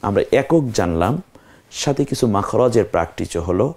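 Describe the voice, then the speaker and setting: A man teaching Quran letters on a television lesson, slowly repeating sounds for viewers to say after him. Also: lowish voice, lively intonation, a little mellow. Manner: slow, patient, repeats letters for viewers to echo.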